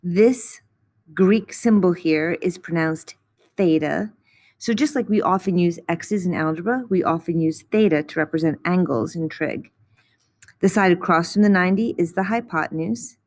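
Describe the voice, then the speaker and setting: A woman's voice: lowish voice, normal speed, darkish tone. A woman teaching a recorded math lesson, patiently explaining each step in a close voice-over.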